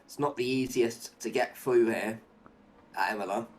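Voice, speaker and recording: A man's voice: medium pitch, normal speed, a little hiss or hum. Male motorsport commentator calling live race action. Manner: motorsport commentator delivery, narrating moves with running questions.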